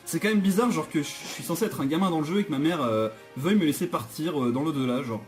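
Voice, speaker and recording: A man's voice: a little high, quick pace, faint music behind. Nervous, jokey gamer man. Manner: nervous, jokey, restarts often. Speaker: gaming channel host. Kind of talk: let's play commentary.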